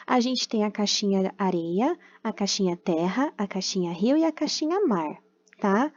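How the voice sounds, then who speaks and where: A young Brazilian woman teaching a primary class remotely, patiently explaining and slowly sounding out words. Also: medium pitch, expressive, a little mellow. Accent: Brazilian Portuguese. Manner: patient and explanatory, tags phrases with "tá?". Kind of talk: recorded remote class lesson. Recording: dull, dry computer recording.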